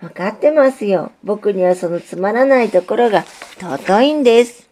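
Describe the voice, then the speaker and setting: A woman's voice: mid-range voice, animated, normal speed, mellow, natural voice. A woman voicing an earnest, lovesick young male railway signal in a storybook reading, pleading and eager. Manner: pleading, eager, repeats himself.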